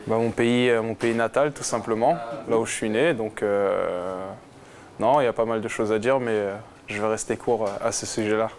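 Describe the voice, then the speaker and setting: A man's voice: on the low side, steady tone, normal speed. A man in his twenties, a football player, answering interview questions casually and hesitantly, with many fillers and restarts. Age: 20s. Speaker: footballer guest.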